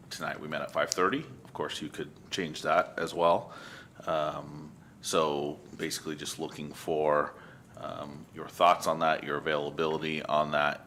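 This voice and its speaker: A man with a very low voice and a bright, forceful edge walks a commission through its scheduling rules. He talks in a measured way, pausing on frequent ums. Faint noise hums under the recording. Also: creaky. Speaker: city staff member. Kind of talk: explaining procedure at a public meeting.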